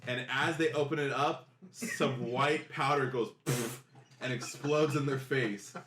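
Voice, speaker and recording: A man's voice: mid-range voice, fairly even intonation, a little slow, a bit bright, roomy sound, slight background noise. A man narrating as game master in a playful, joking way. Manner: playful, laughs often.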